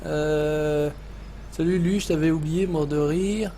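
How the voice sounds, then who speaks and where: A man's voice: a little high, steady tone, takes it slowly, warm tone, slight background noise. A man with a Savoyard French accent hosting a casual live gaming stream, swearing often, joking and reading chat messages aloud.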